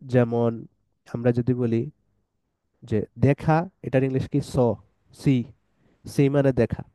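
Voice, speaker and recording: A man teaching an online tajweed lesson, explaining letter sounds patiently step by step and reciting verses slowly. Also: medium pitch, steady tone, dark tone, no room sound, rough recording.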